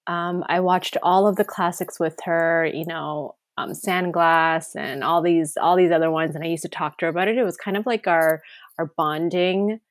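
A woman's voice: lowish voice, steady tone, moderate pace, no room sound, clean studio sound. A woman, a podcast guest chatting casually, with many fillers and restarts. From Canada. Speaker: guest, K-drama writer.

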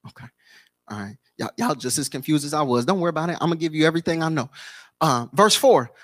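A man's voice: on the high side, expressive, fast, no echo. A man preaching a sermon in church, repeating his lines in a rhythmic build and sometimes breaking into a sung chant. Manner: repetitive, rhythmic preaching with call-outs to the congregation.

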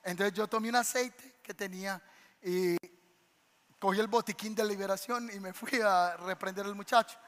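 Male pastor, lively storyteller, bright tone, long church-hall reverb. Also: high voice, moderate pace. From Colombia. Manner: animated storytelling, acts out voices. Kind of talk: sermon. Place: church sanctuary.

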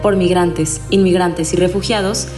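A woman with a somewhat low voice reads a scripted introduction in an even, steady way. Clear music plays behind her. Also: a little slow. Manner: even, read-aloud delivery. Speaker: podcast announcer.

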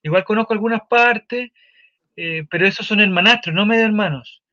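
Chilean male host, high bright voice, slang-heavy storytelling, dry dull studio sound. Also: fairly quick, no echo. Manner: animated, swears casually, restarts a lot. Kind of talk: casual chat, storytelling.

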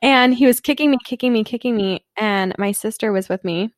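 A woman co-hosting a casual podcast, an animated storyteller who acts out quotes and says "like" a lot. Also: on the high side, a little fast, no room sound, studio quality. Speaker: podcast co-host.

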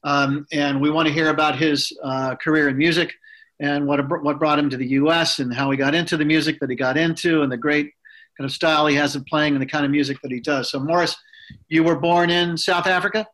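A man's voice: fairly high pitch, fairly even intonation, fairly quick, fairly bright tone. A man hosting an interview podcast who asks long, rambling questions with many restarts. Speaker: host and interviewer.

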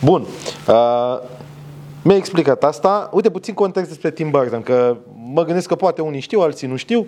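Gazdă de podcast cu voce caldă. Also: male voice, a little high, a little hiss or hum. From Romania. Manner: relaxed, joking banter. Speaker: podcast host. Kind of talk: casual chat.

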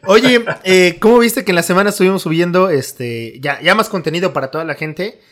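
A young Mexican man with a Mexican Spanish accent, co-hosting a podcast in a relaxed, joking, slangy way. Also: high-pitched, brisk. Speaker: podcast co-host. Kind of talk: casual podcast chat.

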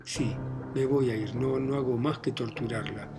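A man's voice: mid-range voice, fairly even intonation, normal speed. A man narrating a first-person story as an audiobook, in an earnest, emotional way, with music behind.

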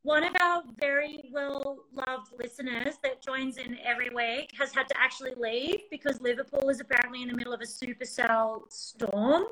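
High, bright-voiced joking woman. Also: steady tone, moderate pace, few pauses, poor audio. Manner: breezy, joking, casual swearing. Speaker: co-host. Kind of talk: casual chat.

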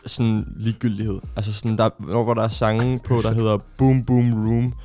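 A man's voice: lowish voice, level tone, mellow. A man co-hosting a music podcast, a blunt critic who talks casually and swears freely. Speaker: podcast co-host reviewing music. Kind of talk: casual chat.

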